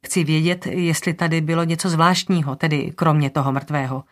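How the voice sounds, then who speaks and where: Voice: medium pitch, little pitch movement, natural voice. A narrator voicing a businesslike woman lawyer investigating a death, giving polite orders. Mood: patient. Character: brisk woman investigator, lawyer, matter-of-fact.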